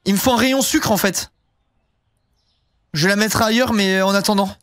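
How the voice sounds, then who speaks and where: Young male streamer, high voice, rambling casual chat, dry close sound. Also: normal speed, a bit bright, no echo. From southern France. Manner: rambling, heavy fillers, casual swearing. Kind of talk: casual live-stream chat while gaming.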